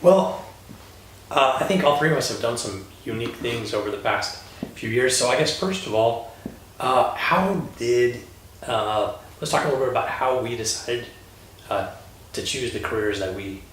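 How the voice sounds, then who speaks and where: A man from Colorado, a lawyer, hosting a relaxed panel chat, talking with many fillers and pauses. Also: medium pitch, a little hiss or hum. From Colorado, USA. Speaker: host, lawyer. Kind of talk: casual panel conversation. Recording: roomy echo, distant mic.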